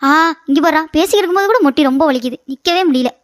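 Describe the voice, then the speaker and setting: A woman voicing a bickering older mother-in-law in a cartoon comedy, scolding with quick sarcasm. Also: high voice, no echo, studio quality, lightly acted.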